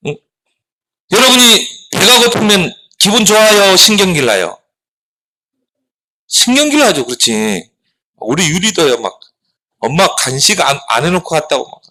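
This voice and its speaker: A middle-aged man preaches to a room of children in a bright, slightly high voice. His pitch swings widely as he tosses out questions and answers them himself. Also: sing-song, moderate pace, long pauses, rough recording. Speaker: pastor. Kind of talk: children's sermon.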